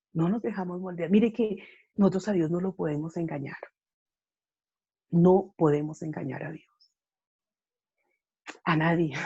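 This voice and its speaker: A woman's voice: lowish voice, creaky, warm tone, breathy edge, lo-fi sound. A woman preaching a fervent sermon with pleading, repeated appeals over a video call.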